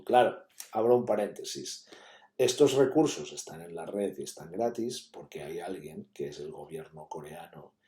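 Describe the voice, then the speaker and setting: In an echoey room, a male university lecturer, a native Catalan speaker, delivers a steady conference explanation full of fillers and tag questions. He has a low, warm voice.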